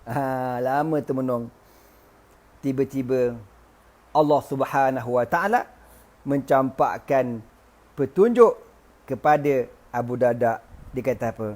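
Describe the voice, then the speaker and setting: A male preacher who tells a religious story in a joking, lively way, moving between recited Arabic and casual slang. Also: medium pitch, a little slow, long pauses. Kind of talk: humorous storytelling sermon.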